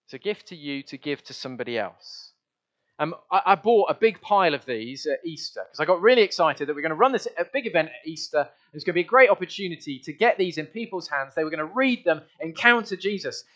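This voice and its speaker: Earnest preacher, muffled recording. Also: male voice, on the high side, lively intonation, fast, fairly bright tone. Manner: earnest, conversational, with many restarts. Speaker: pastor. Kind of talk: sermon. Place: church.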